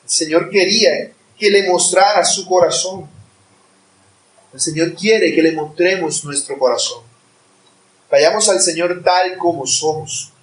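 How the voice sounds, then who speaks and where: A man's voice: high-pitched, unhurried. A man preaching a sermon in a church, earnest and at times rising to impassioned pleading. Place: church hall. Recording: echoey room, voice far from mic.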